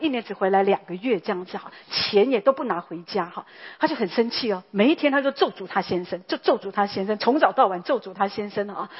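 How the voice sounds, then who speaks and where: A woman's voice: medium pitch, breathy edge, lo-fi sound. A woman, a pastor's wife preaching a sermon in a chatty way, full of tag particles and fillers.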